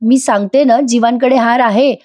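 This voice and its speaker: A woman's voice: on the high side, steady tone, normal speed, a little mellow, voice pushed up, natural voice. A woman reading a tearful young wife's lines aloud in a TV serial review, pleading and insistent.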